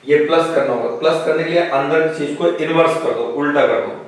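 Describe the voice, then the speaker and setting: A man's voice: a little high, fairly quick. A man teaching a physics lesson in a classroom, working through problems step by step and often checking with his students. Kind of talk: classroom lecture. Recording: echoey room, voice from a distance.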